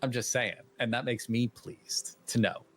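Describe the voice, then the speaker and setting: A man playing in a tabletop game, chatting casually about the characters in an animated, joking way. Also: mid-range voice, measured pace. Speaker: player.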